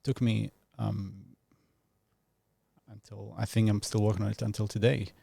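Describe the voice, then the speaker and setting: Low, gravelly-voiced man in his thirties. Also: level tone, dark tone, no room sound, clean studio sound. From Iraq. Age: 30s. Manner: thoughtful, pauses often, laughs easily. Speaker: podcast guest. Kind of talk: casual reflective interview talk.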